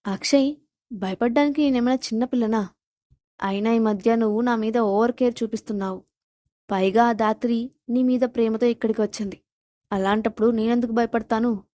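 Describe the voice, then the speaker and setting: A woman voicing a calm, defiant young wife who speaks in a cool, unbothered way. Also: on the high side, brisk, no echo, close to an everyday voice. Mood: amused.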